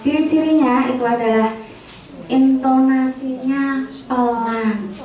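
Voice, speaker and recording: A woman's voice: on the high side, darkish tone, slight background noise. A middle-aged woman teacher giving a spoken presentation to fellow teachers, often turning to her listeners. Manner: addresses listeners often, acts out short example scolding lines. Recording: echoey room, from far off.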